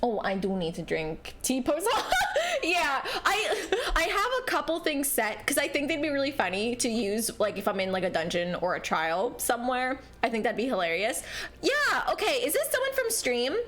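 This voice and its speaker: A woman's voice: fairly high pitch, moderate pace, hardly any pauses. A woman livestreaming a game, chatting casually in a cute, bubbly, giggly and apologetic way. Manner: bubbly, cute, excitable streamer greetings and exclamations. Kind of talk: casual livestream chat while gaming. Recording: music behind the voice. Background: music.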